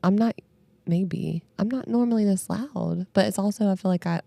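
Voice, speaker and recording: A woman co-hosting a podcast in casual chat, with vocal fry in her voice. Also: medium pitch, moderate pace, dark tone, no echo. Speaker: podcast co-host.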